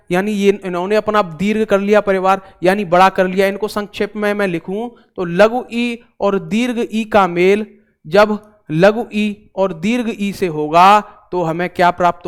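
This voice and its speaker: Male online tutor, high clear voice, talkative and repetitive. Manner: chatty, repeats himself, joking asides to viewers. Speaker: teacher. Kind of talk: online exam-prep class.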